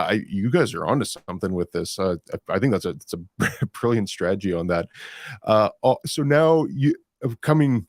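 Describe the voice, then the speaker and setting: A man hosting a live interview, reading out viewer comments and asking relaxed follow-up questions. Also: sits low, no echo, studio quality. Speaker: interview host. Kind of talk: casual interview talk.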